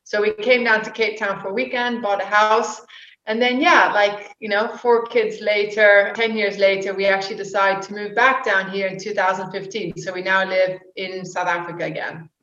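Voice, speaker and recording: A woman's voice: mid-range voice, steady tone, moderate pace, fairly bright tone. A woman in her forties talks as an interview guest, chatty and rambling, often restarting her sentences. Her voice sits in a middle range for a woman. The audio is roomy and a bit dull. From born in the UK. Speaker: guest, social entrepreneur and investor. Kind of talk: casual interview talk.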